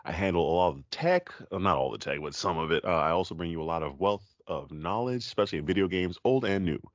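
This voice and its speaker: A man's voice: deep voice, quick pace, no echo. A man co-hosting a podcast in casual banter, recorded on a dull lo-fi microphone. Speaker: podcast co-host.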